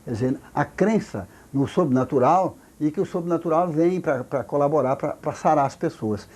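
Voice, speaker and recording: An older man from Brazil with a Brazilian Portuguese accent, a folklorist explaining things slowly in an interview, halting with many repeated words and restarts. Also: on the high side, darkish tone, breathy edge. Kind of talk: recorded oral history interview.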